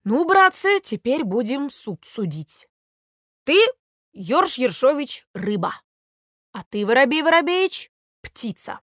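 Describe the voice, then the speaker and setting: A good-natured chimney sweep patiently settles a quarrel in a storybook, as a woman plays him. He talks calmly and reasonably. The voice sits a little high and the sound is dry. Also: takes it slowly, no echo, heavily acted. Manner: calm, reasonable, explaining patiently. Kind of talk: storybook reading.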